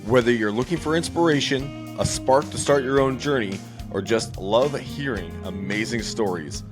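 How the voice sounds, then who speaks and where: A man's voice: medium pitch, normal speed, over music. A man hosting a podcast, opening with an upbeat scripted intro and then chatting casually with his guest. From US West Coast. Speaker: podcast host. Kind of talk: podcast interview.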